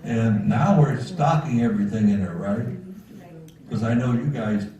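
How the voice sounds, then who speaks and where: Plain-spoken male club member, dark soft tone, speaking informally far from the mic with faint noise. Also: mid-range voice, moderate pace. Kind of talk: informal remarks at a club meeting. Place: meeting room, far from the mic. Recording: very echoey room, distant mic, faint noise.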